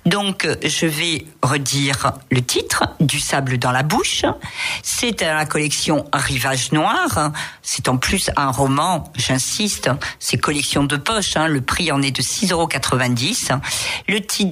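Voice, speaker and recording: A woman doing a book column on the radio, talking with enthusiasm but pausing often with hesitant fillers. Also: sits low. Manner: hesitant, many filler pauses; warm enthusiastic recommending. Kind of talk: radio book review chat.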